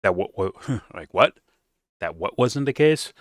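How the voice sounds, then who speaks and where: A man's voice: on the low side, animated, a little slow, no room sound, clean studio sound. A man hosting a reaction show, talking loosely and profanely with stammering restarts. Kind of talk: casual reaction commentary.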